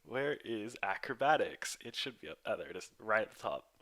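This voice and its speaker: A man's voice: fairly low pitch, sing-song, a little fast, bright, forceful tone. A young man playing a tabletop game, casual, swearing often and laughing. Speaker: player.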